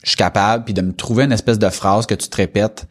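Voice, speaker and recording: A man's voice: lowish voice, fairly even intonation, fast. A man with a Québécois accent in a casual, reflective conversation, explaining ideas with everyday examples. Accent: Québécois French.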